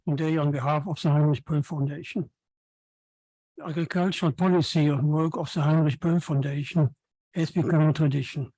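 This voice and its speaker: Male event speaker, native German with German accent, mellow and slightly high-pitched, halting formal delivery. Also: no echo, poor audio. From Cologne, Germany. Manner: halting, formal, reading from text. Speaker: event speaker, foundation co-founder. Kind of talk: prepared welcome speech.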